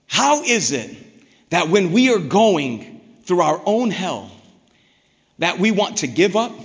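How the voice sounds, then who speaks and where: High, bright-voiced animated male preacher. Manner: animated, conversational, acts out quoted prayers. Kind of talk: sermon. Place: church hall. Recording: reverberant hall.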